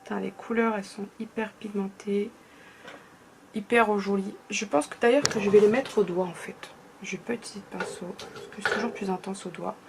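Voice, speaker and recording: A woman's voice: medium pitch, fairly even intonation, fairly quick, creaky, noisy background. A young woman from France chatting casually through a makeup tutorial, often trailing off into murmurs. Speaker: beauty vlogger.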